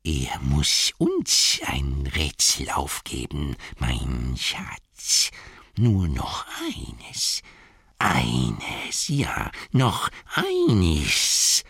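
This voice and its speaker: Hissy whispery cave creature, drawls then squeaks, rough and raspy, dry booth sound. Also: male voice, wildly swooping pitch, bright, forceful tone, dry recording, heavily acted. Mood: wheedling. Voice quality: hissing, whispery, gravelly. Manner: drawn-out words, sudden squeaky jumps. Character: slimy, hissing cave creature, sly and hungry. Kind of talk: audiobook character voice.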